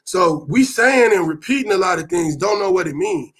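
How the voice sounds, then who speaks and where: A middle-aged man from Oakland teaches hip hop history in a loose, conversational way. His voice sits high and light. He peppers his talk with street slang and swears, breaking into loud bursts to drive a point home. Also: normal speed, breathy edge. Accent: Oakland, California. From Oakland, California. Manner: animated, with sudden loud bursts. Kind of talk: casual lecture.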